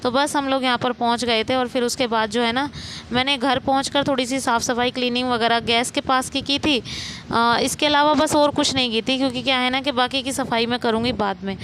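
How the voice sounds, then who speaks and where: Woman, fairly high voice, rambling vlog voice-over, noisy background. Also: steady tone, fairly quick, fairly bright tone. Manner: rambling, many fillers. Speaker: vlogger.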